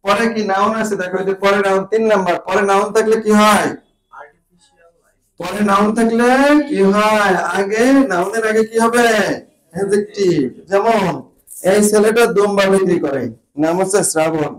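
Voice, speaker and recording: High-voiced man drilling an English class. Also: steady tone, normal speed, poor audio. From Bangladesh. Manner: drills students with repeated questions. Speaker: IELTS teacher. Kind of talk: classroom lesson.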